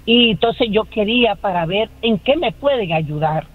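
A woman's voice: mid-range voice, expressive, moderate pace. Colombian coastal woman caller, 60s, hesitant and rambling, thin phone-line sound. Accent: Colombian Caribbean coast. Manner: rambling, hesitant, repeats words. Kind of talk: phone-in call.

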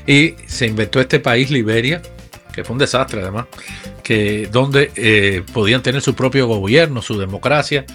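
A man's voice: mid-range voice, normal speed, fairly bright tone, faint music behind. A man giving opinionated news commentary on a radio morning show, speaking straight to listeners. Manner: emphatic, addresses listeners directly.

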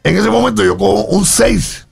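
A man, a musician guest on a radio interview, explaining his work in a relaxed way. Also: sits high, moderate pace. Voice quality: gravelly and husky.

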